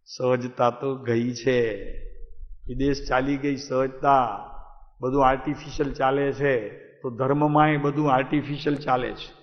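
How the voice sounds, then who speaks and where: A man's voice: medium pitch, steady tone, a little slow. A man giving a devotional talk to a gathering, in a conversational manner, asking listeners questions and calling on them by name. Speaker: spiritual teacher. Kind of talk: devotional discourse to a live gathering. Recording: echoey hall, dull lo-fi sound.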